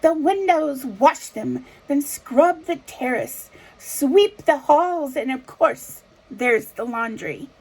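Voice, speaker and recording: Woman playing a haughty, creaky-voiced storybook stepmother. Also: high-pitched, animated, slow, few pauses, a little mellow, exaggerated voice, poor audio. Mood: bossy. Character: haughty, bossy, sly wicked stepmother. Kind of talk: children's fairy tale read-aloud.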